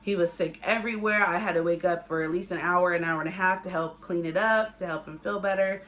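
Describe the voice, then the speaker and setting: A woman's voice: lowish voice, brisk, fairly bright tone. Young woman chatting casually to viewers. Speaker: family vlogger, pregnant mother. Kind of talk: casual chat to viewers, pregnancy update.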